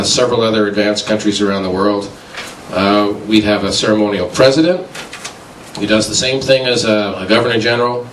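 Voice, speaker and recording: A man's voice: on the low side, fairly bright tone. Hesitant man with a cold, debating. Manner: halting, many filler sounds. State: getting over the flu, coughing. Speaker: debater for a republic. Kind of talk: public debate speech. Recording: echoey hall, distant mic, faint hiss.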